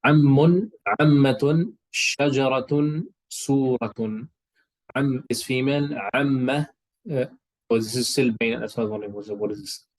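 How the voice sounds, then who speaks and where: A patient man leads an Arabic class, quizzing students and explaining vocabulary slowly. He talks in a mid-pitched, everyday voice, pausing often with fillers. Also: rough recording. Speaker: Arabic teacher. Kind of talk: online class lesson.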